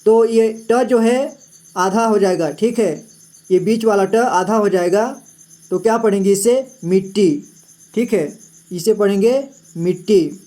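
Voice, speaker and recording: A man's voice: high voice, a little slow, warm tone. A man teaching children to read Hindi words, spelling each word out letter by letter and often saying "ठीक है". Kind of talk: slow, patient reading lesson.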